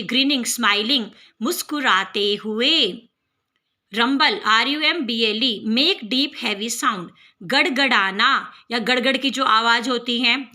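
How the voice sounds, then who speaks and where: A woman's voice: fairly high pitch, bright, forceful tone. A woman tutor with an Indian accent teaching English vocabulary, spelling out each word and explaining it in Hindi. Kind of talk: vocabulary lesson.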